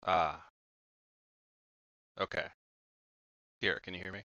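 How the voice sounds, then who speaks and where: A man's voice: low-pitched, steady tone, takes it slowly, sharp tone, no room sound, muffled recording. Man on a choppy voice call cutting out. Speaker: friend on a voice call. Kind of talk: casual chat.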